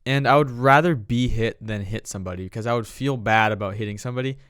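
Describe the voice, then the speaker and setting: Male co-host, young. Smooth clear voice, close dry sound, blunt and argumentative banter. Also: mid-range voice, quick pace, a bit bright, no echo. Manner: contrary, blunt, questioning. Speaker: podcast co-host. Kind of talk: casual podcast banter.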